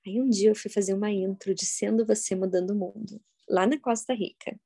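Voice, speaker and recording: A woman, giving a live workshop talk to an audience, telling stories in a jokey, animated way with sudden loud, high bursts. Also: a little fast, creaky. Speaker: workshop facilitator.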